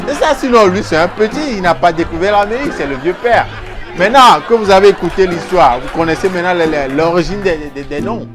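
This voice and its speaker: A man telling a made-up history as a comic story, animated and repeating words for laughs. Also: high-pitched, fairly quick, over music, a crowd in the background. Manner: animated, repeats words for comic effect, mimics local accents. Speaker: comedian telling a mock history.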